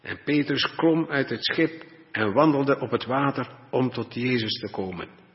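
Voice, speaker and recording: A man preaching a sermon, reading Bible passages in a deliberate, old-fashioned way and explaining them. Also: mid-range voice, animated. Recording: dull lo-fi recording with long reverb.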